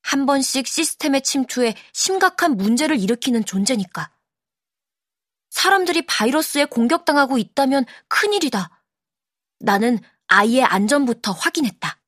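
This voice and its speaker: A woman narrating an audiobook in a calm, measured storytelling manner, close to the mic. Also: high voice, no room sound. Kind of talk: scripted narration.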